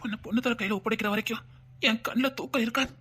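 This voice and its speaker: A woman's voice: a little high, fast talker, a bit bright, lightly acted. A woman voicing a grieving old father with a Tirunelveli accent. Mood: sorrowful. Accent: Tirunelveli Tamil. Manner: sorrowful, repeating himself. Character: grieving elderly father fearing for his daughter.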